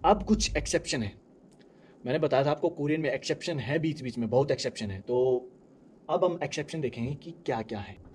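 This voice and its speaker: A young man teaching a language class, explaining grammar step by step and slowly repeating each example. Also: mid-range voice, a little mellow, slight background noise. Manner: repeats examples slowly, asks and answers own questions.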